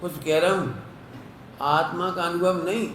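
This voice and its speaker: Guy giving a religious talk, high voice, roomy echo, faint hum behind, homely examples. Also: steady tone, unhurried, a bit bright. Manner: explains with homely examples, asks listeners if they follow. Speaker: Jain preacher. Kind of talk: religious discourse.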